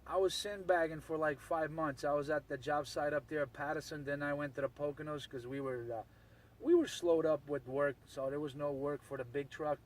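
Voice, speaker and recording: A man's voice: a little high, steady tone, fairly quick. Aggrieved man on CB radio, slightly distant. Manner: aggrieved, profane, repeats himself for emphasis. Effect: over CB radio. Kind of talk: casual CB radio chatter. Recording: distant voice from the mic.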